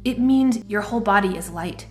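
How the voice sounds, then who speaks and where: A woman voicing a wise, stern female mentor in a storybook reading, speaking in a calm, firm, measured way. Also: mid-range voice, faint music behind, close to an everyday voice.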